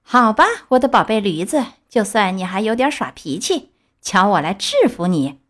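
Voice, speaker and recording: A woman's voice: medium pitch, animated, moderate pace, close to an everyday voice. A woman voicing a bad-tempered, greedy circus master who scolds sarcastically, in a children's storybook reading. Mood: angry.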